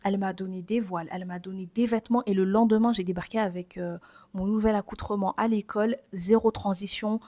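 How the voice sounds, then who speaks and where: The French-accented host, a woman in her twenties from France, talks fairly quickly through her personal, reflective podcast, informal and confiding. Her medium-pitched voice is warm, with fairly even intonation.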